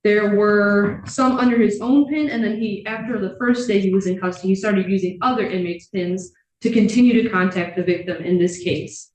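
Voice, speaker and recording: A woman's voice: medium pitch, moderate pace, darkish tone. A woman speaking as a prosecutor, making a formal argument in court. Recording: distant, echoey, noisy courtroom microphone.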